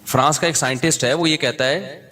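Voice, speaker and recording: A man's voice: a little high, sharp tone, slight background noise. A man giving a religious lecture, reciting verses in a chanted cadence and then explaining them in a casual, joking manner with everyday examples. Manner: conversational, teasing asides, everyday examples. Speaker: Islamic preacher.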